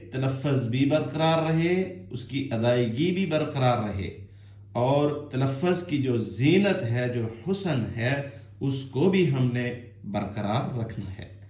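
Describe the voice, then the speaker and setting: A man's voice: mid-range voice, lively intonation, darkish tone. Patient male Quran teacher, echoey room. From Azad Kashmir, Pakistan. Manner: patient, repetitive explaining, stretching out each letter sound in melodic recitation. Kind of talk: Quran reading lesson for children.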